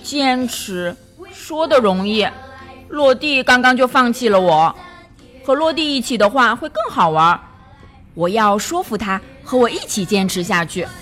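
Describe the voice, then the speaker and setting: A woman's voice: a little high, expressive, unhurried, a bit bright, faint music behind. A woman voicing a good-hearted young male duck who talks in an eager, good-natured way. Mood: earnest.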